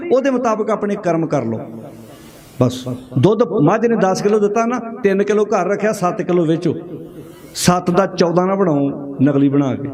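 Middle-aged Punjabi preacher, high-pitched, prodding his congregation, crowd noise in the background. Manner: fiery, rhetorical questions, urging the crowd to answer. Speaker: Sikh preacher. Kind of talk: sermon to a congregation.

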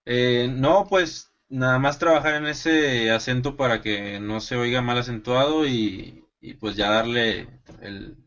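A man, a songwriting student, presents his own bolero and sings it over a guitar, softly spoken between verses. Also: measured pace, hardly any pauses, highs cut off. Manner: soft-spoken, brief replies, then sings with rising pitch.

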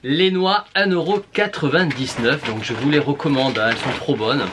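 A man's voice: on the high side, moderate pace, noisy background. A man with a southern French accent chatting casually to viewers in a shopping haul vlog, playful and full of exclamations. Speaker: beauty vlogger.

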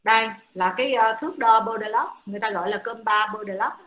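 Female lecturer, patient explainer with lots of fillers, slightly high voice, recorded in a roomy, echoing space. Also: a little fast, a bit bright. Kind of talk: classroom lecture. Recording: echoey room.

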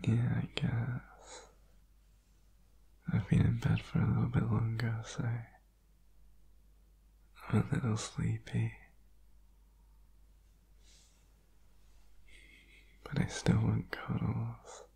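A man playing a needy, sleepy, affectionate boyfriend in an ASMR whispered role-play, tender and clingy, with a husky, creaky whisper. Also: medium pitch, completely flat delivery, warm tone, full character voice. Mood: sleepy, loving. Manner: slow, tender, clingy, soothing. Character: needy, sleepy, affectionate boyfriend cuddling his partner in bed.

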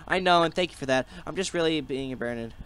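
A sad young woman just out of a breakup speaks in a plain, unacted delivery, as a young man reads her lines. The voice sits a little high, and loud music plays behind it. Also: fast talker, lightly acted. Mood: downcast. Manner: plain reading of chat lines.

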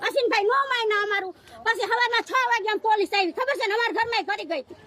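A woman's voice: extremely high pitch, quick pace, fairly bright tone. A woman defending herself outdoors in a neighborhood dispute, pleading to be heard. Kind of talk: heated street argument. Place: outdoors on a residential street.

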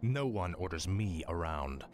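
A man voicing a contemptuous undead insect king in a video game, gravelly, imperious and menacing, drawling his words. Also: sits low, animated, measured pace, heavy background noise. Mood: haughty, irritated. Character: contemptuous undead nerubian lord, huge proud insect king. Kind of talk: video game unit voice acting. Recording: loud game music over voice.

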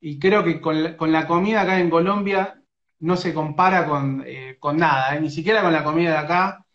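On the high side and a bit bright, a male sports radio interviewer with an Argentine Rioplatense accent talks at a moderate pace to a young footballer over a phone live stream. His delivery is hesitant, packed with fillers and restarts, and the small indoor room plus phone front camera give muffled, roomy audio.

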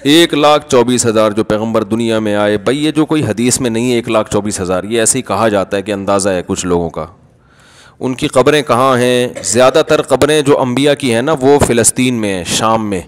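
A man giving a Friday sermon, answering questions in an explanatory, conversational way and arguing with everyday examples. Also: medium pitch. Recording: long reverb of a large hall.

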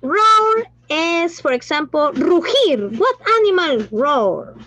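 High-voiced woman teacher. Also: big pitch swings, very slow, fairly bright tone. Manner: mixes Spanish and English, asks questions and praises pupils. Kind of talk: online class teaching. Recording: dull lo-fi sound.

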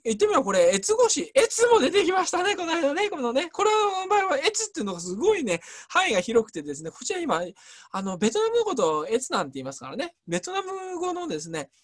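A lecturer explaining at a relaxed pace, chatty, with many fillers and emphatic asides. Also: mid-range voice. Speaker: lecturer on Chinese culture.

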